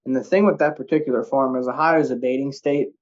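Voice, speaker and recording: A man's voice: mid-range voice, fairly even intonation, fast. Man telling hunting stories, muffled audio. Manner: rambling, folksy phrasing. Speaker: deer hunter. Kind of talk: casual storytelling about hunting. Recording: dull lo-fi audio.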